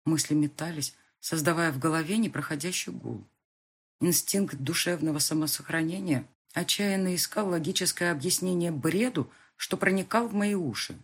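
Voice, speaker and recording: A woman's voice: low voice, moderate pace, slightly rough. A woman narrating a first-person audiobook in an intimate, emotional storytelling manner. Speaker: audiobook reader.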